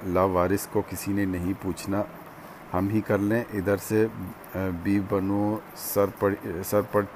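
Scolding older mother read by a man, scornful, sharp-tongued, low voice, storybook. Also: slight background noise.

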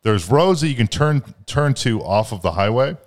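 A man's voice: mid-range voice, moderate pace. A man in his twenties on a podcast, casually telling a long story with plenty of swearing and rambling asides. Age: 20s. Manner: profane, rambling, animated retelling. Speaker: podcast co-host.

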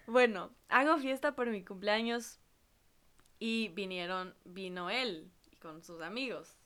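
A woman's voice: mid-range voice, slow, fairly bright tone. A young adult woman telling a funny personal story in a casual chat, laughing often and dropping in English slang.

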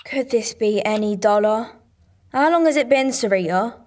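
An actress playing a sulky, sharp-tongued teenage girl solving a crime, sarcastic and offhand. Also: a little high, normal speed, lightly acted. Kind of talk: radio drama acting.

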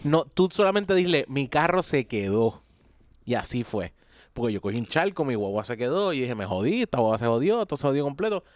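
A man's voice: mid-range voice, very animated, quick pace, no echo, studio quality. A man with a Puerto Rican accent, chatting on a podcast and acting out both sides of a phone call with lots of swearing. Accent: Puerto Rican Spanish. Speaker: podcast co-host. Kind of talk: casual chat.

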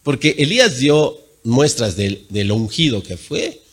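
Husky animated male pastor preaching. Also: a little slow. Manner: animated preaching, swinging from loud emphatic peaks to low quiet asides. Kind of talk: sermon.

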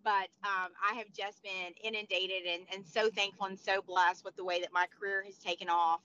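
Hoarse forty-something woman, bright and eager, interview guest, rambly. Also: mid-range voice, level tone, moderate pace, slight background noise. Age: 40s. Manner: chatty, many restarts and fillers. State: hoarse, losing her voice. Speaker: guest, motivational speaker. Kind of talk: casual interview chat. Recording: dull lo-fi sound.

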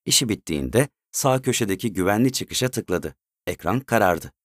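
A man narrating a story in a steady, measured way. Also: lowish voice, no room sound.

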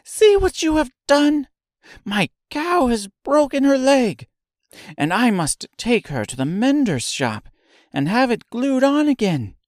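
A man doing a shrill scolding milkmaid. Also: sing-song, slow, no echo, clean studio sound, full character voice. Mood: angry. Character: angry young china milkmaid, shrill and scolding.

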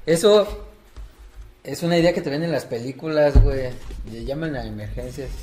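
A man's voice: mid-range voice, normal speed, mellow, faint music behind. A man with a Mexican accent, co-hosting a podcast, teasing and slangy in casual chat. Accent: Mexican Spanish. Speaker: podcast co-host.

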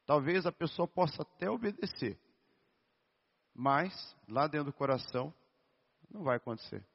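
A man, a physical education teacher, preaching a sermon in a conversational, storytelling way with a naturally hoarse voice. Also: a little high, lively intonation, normal speed. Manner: storytelling, conversational, addresses listeners as brothers. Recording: dull sound with long reverb in a hall.

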